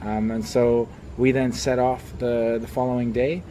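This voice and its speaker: A young man from Hong Kong who used to be a travel agent shares travel stories in a casual interview, speaking at a measured pace in a medium-pitched voice. He's a relaxed storyteller who livens up during anecdotes, and there's slight background noise.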